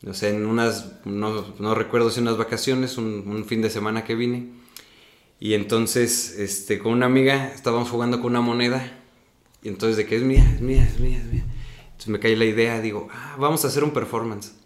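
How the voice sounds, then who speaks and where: Speaking at a moderate pace in a reverberant space, a young man with a lowish voice and a Mexican accent tells the story of his acting in a relaxed interview. He's an animated storyteller who keeps closing his sentences with "¿no?".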